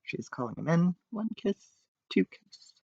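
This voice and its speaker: This man's voice is fairly high, creaky, and husky, and he moves at a measured pace while reading a children's picture book aloud. He narrates expressively with casual asides, in a muffled recording from an echoing room.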